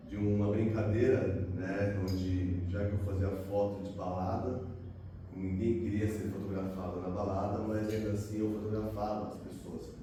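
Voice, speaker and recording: A man's voice: lowish voice, flat delivery, normal speed, dark tone, slight background noise. A middle-aged man from São Paulo with a Paulista accent, a guest photographer talking casually and rambling with many fillers, recorded from a distant mic in an echoey room. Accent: Paulista Brazilian Portuguese. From São Paulo, Brazil. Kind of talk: casual talk at a club meeting.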